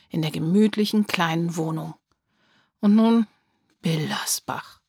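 A woman reading a children's book aloud with lively, expressive storytelling. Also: medium pitch, dry recording, studio quality. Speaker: narrator.

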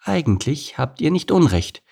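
A man's voice: fairly high pitch, very animated, normal speed, gravelly, mellow, slightly rough, pitched above the performer's own voice, exaggerated voice. A man voicing a bossy but caring lioness mother in an audiobook story. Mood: calm. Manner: scolding, commanding.

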